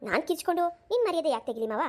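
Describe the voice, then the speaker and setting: A woman's voice: extremely high pitch, sing-song, very fast, a little mellow. A woman voicing a playful, mischievous young woman in a cartoon, speaking in a teasing, innocent-sounding way. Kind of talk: cartoon voice acting.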